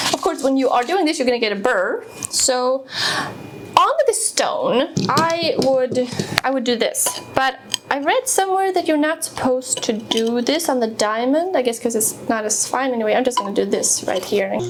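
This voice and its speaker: A woman's voice: sits high, expressive, normal speed, background noise. Chatty woman demonstrating tools. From Sweden. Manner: chatty, explains step by step with fillers and restarts. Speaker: woodworking video host. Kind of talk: casual tool demonstration. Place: home woodworking workshop.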